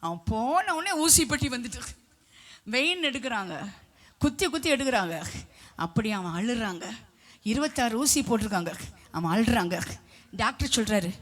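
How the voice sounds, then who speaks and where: A middle-aged woman preaching a testimony sermon with fervor, swelling into loud emphatic declarations and sometimes singing hymn lines. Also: on the high side, sing-song, normal speed, long pauses. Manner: breaks into sung hymn lines.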